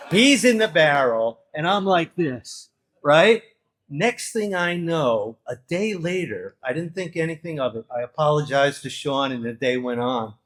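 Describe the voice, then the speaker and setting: A man's voice: mid-range voice, fairly bright tone. An older man giving an anecdotal acceptance speech as an award inductee. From New Jersey, United States.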